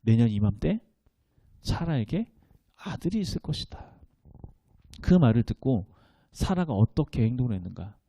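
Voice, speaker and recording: A man preaching as a pastor, his pitch swinging widely as he acts out the voices of the people in his scripture passage. His tone is dark and mellow, and the sound is dry and close, with no room echo. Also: slightly rough. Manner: animated preaching, acts out quoted lines in a voice of God and Sarah; leads the congregation in reading scripture aloud. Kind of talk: Sunday sermon.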